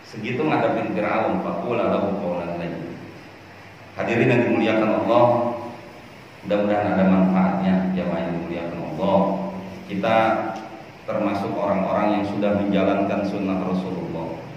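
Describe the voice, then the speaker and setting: A middle-aged man giving a lively, conversational religious talk to a congregation. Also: fairly low pitch, moderate pace, a little hiss or hum. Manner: lively, chatty, addresses congregation often. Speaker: preacher. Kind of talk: religious lecture. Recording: echoey distant lo-fi hall recording.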